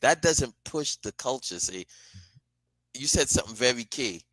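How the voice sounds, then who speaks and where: Bright, animated man talking shop. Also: medium pitch, moderate pace, dry recording, low-quality recording. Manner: emphatic, repeats key phrases. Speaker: DJ, interview guest. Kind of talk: casual chat.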